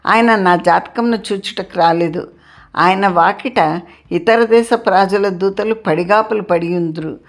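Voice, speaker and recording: A woman reading a classic novel aloud in a steady, formal literary manner. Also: on the low side, a little slow. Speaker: audiobook narrator.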